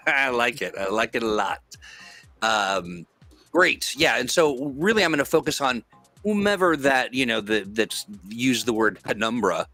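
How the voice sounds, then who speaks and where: A man's voice: mid-range voice, lively intonation, unhurried, pushed and bright, no room sound, soft background music. A man playing a tabletop game casually, thinking aloud and feeling his way through his moves. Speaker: game player.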